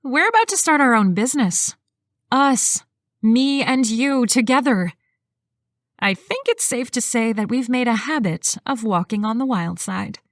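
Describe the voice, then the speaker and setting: A bright, playful young woman in a sweet romance, voiced by the female narrator, her voice lifted a touch higher than the narration. She speaks with warm, easy affection. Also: expressive, unhurried, no echo, clean studio sound.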